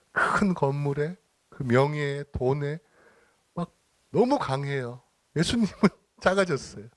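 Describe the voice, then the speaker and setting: A man's voice: fairly high pitch, no room sound. Chatty middle-aged man telling lecture anecdotes. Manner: chatty storytelling, acting out dialogue, frequent laughter. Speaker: lecturer and church minister.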